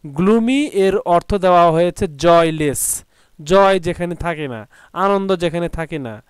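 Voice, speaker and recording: A man teaching an English vocabulary lesson, spelling words out and repeating them slowly. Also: high voice, smooth, no echo. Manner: slow, drawn-out pronunciation drills.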